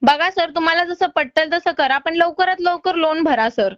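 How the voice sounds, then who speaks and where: A woman with a very high, somewhat bright voice makes a collection call about a loan at normal speed. She presses politely, with audible exasperation. Her echo-free voice comes through slightly dull phone-call audio.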